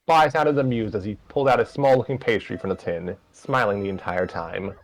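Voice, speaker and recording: Speaking fairly quickly in a fairly low voice, a man gives an informal read-aloud narration of a story on a livestream. He stumbles over words, rereads phrases and adds joking asides along the way.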